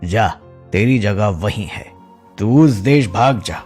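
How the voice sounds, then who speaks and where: A man giving voice to a heavenly voice in a cartoon, solemn and commanding, slightly lower than his usual talk with a lively rise and fall. it speaks with calm authority, urging escape. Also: slow pace, soft background music.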